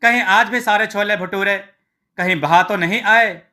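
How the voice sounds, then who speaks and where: A man voicing a sharp-tongued village wife who scolds her husband in an exasperated, shrill way. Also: normal speed. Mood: scolding.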